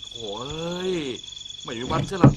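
Brief: actor as a muttering, bossy songwriter, slow, lively pitch, heavy hiss on old film sound. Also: male voice, close to an everyday voice. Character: fussy, bossy male songwriter. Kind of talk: 1970s film dialogue.

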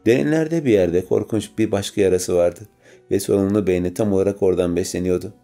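Man, audiobook narration, dramatic tense reading, low pitch, soft music underneath. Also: brisk. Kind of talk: first-person story narration.

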